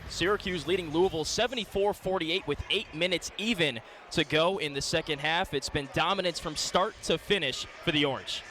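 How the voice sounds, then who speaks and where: This radio play-by-play announcer calls a basketball game live, using short, descriptive bursts. He's a man with a high-leaning voice who talks fairly quickly, and the recording is full of loud arena noise, gym ambience, and the thump of bouncing balls.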